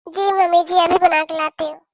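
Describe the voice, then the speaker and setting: A woman voicing a meek, polite young newlywed daughter-in-law in a cartoon, talking softly and respectfully. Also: extremely high pitch, steady tone, normal speed, no room sound, clean studio sound. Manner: soft, respectful. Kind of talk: cartoon voice acting.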